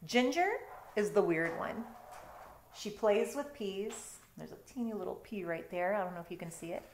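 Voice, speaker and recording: A middle-aged woman, a teacher doing storytime, reads a picture book aloud and adds chatty explanations along the way. Her medium-pitched voice moves at normal speed, recorded in a bedroom with roomy indoor echo and a little hiss or hum.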